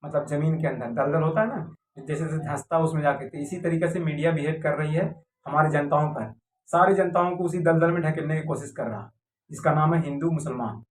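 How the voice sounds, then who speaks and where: A man's voice: fairly high pitch, a little fast, slight background noise. A man giving a rambling, indignant opinion monologue to viewers, repeating phrases for emphasis. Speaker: video commentator. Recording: echoey room, voice from a distance.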